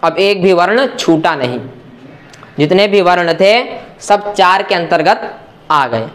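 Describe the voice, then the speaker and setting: A man with a fairly high voice explains Sanskrit grammar as a patient teacher. He asks a question, then answers it himself. He checks again and again that the listener has understood. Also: expressive, slow. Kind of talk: classroom explanation.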